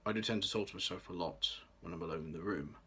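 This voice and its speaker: A young man from Birmingham, England, in his late 20s, talks at a quick pace in a low, bright voice with a breathy edge. He reads his scripted personal vlog with care, sometimes restarting.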